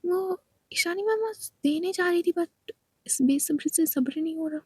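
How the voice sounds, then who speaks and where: A woman voicing a sharp-tongued young woman who mocks others sarcastically. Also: very high voice, normal speed, no room sound, pitched above the performer's own voice. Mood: sarcastic. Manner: sarcastic, cutting.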